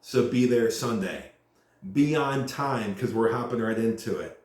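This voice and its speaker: A male pastor speaking earnestly in a teaching way, slowing down to stress long lists. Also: medium pitch, lively intonation, darkish tone. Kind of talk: church announcement talk, sermon-like. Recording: very echoey room.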